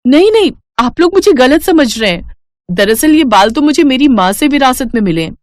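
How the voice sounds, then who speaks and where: Woman doing a earnest young bride, pleading, higher voice, dry, storybook. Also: very animated, normal speed, no echo. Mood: apologetic. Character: devoted young daughter-in-law with magic hair.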